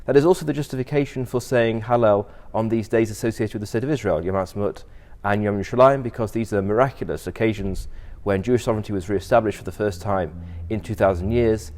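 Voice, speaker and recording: A man, a rabbi, giving a measured explanatory religious talk, posing questions and then answering them. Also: lowish voice, darkish tone. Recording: long reverberant hall echo.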